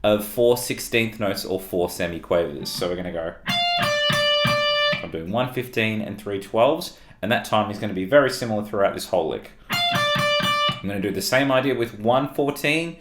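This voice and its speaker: Australian male guitar tutor, easygoing walkthrough, slightly low voice, roomy sound. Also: moderate pace. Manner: relaxed, explanatory, counts notes aloud. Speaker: guitar teacher.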